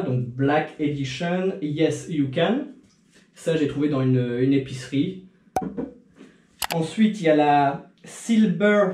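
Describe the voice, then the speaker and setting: A man's voice: fairly high pitch, darkish tone. A young man chatting casually to camera in a tasting vlog, rambling with fillers and restarts. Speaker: video creator. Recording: echoey room.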